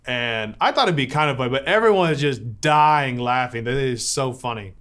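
Priest, man, informal church talk, chatty storytelling, mid-pitched voice. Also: moderate pace. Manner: relaxed storytelling with filler words.

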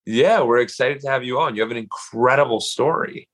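A man hosting a podcast, reading an energetic intro and then asking casual interview questions. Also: medium pitch, brisk. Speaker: podcast host.

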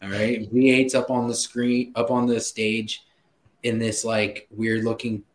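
A man's voice: on the low side, a little slow, reverberant, low-quality recording. A man telling a story in casual podcast talk, laughing often and swearing freely. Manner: laughing, profane, animated storyteller. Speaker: guest.

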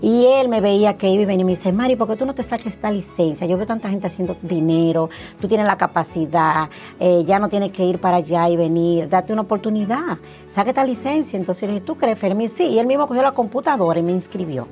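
Middle-aged Dominican-accented woman, interview guest, lively storyteller who slips into quoted voices; soft music underneath. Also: mid-range voice, fast, few pauses. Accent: Dominican Spanish. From Dominican Republic. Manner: animated, acts out past conversations, frequent fillers. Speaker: interview guest, insurance agency owner.

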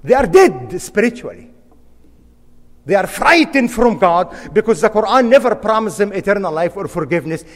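Middle-aged male preacher, emphatic sermon delivery, swooping pitch, long hall reverb. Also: very animated, normal speed. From Egypt. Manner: impassioned, emphatic, repeats key phrases.

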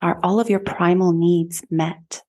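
A woman podcast host and yoga teacher leading a guided meditation in a slow, soothing, calm way. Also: lowish voice.

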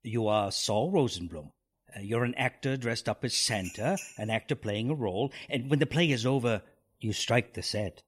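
A man's voice: mid-range voice, moderate pace, husky, close to an everyday voice. An actor playing a pompous, evasive male doctor in a comic radio drama, with hesitant clinical phrasing. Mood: patronizing, analytical. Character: self-styled clinic doctor, pompous, smooth-talking and evasive man.

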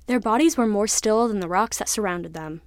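Woman, story narrator, scripted narration, measured, dry close sound. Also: medium pitch, a little mellow, no echo.

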